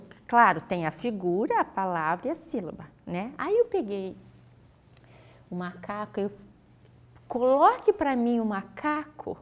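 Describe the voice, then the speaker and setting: Woman teacher, patient and instructive, mid-pitched interview guest. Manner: patient, instructive, uses many fillers. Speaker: teacher explaining a literacy method. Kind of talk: explanatory studio interview.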